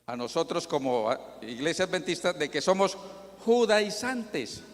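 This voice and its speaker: A man with a fairly high voice preaches a sermon in a church, firing rhetorical questions at the congregation and answering them himself. He cites chapter and verse throughout. His voice carries a long reverb from the big hall. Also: big pitch swings, moderate pace.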